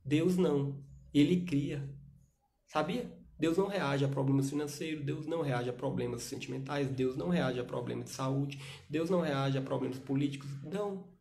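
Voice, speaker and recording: A man with a somewhat high voice preaches in a livestream sermon. He pushes hard with loud rhetorical questions, then drops to quiet, intimate asides, always speaking straight to the young people watching. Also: normal speed, vocal fry. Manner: emphatic, rhetorical questions, shifts between loud urging and soft asides.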